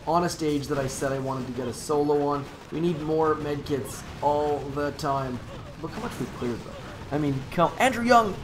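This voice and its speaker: Background noise accompanies a medium-pitched man as he live-streams a strategy game. He keeps up a relaxed, upbeat, meandering commentary, fixing his own slips and urging his troops on out loud.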